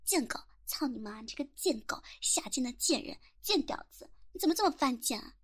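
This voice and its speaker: A woman's voice: high-pitched, expressive, brisk, husky. A young woman voicing a jealous, domineering teenage classmate in an audio role-play drama, sneering and taunting, then spitting out relentless insults. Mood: furious, abusive. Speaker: voice actor.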